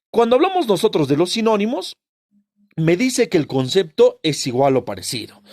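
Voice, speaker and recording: A male teacher with a high, very animated voice leads an exam-prep lesson, posing questions and answering them himself. He stresses each key term as he goes. The sound is dry and close, with no room echo.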